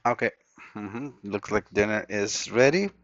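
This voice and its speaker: Working at his indoor repair bench, this native Spanish speaker from Costa Rica thinks aloud through a hands-on electronics fix, muttering casually in his Costa Rican accent. He speaks a little slowly in a fairly low, slightly bright voice with no room sound. The action camera mic gives a dull, lo-fi result.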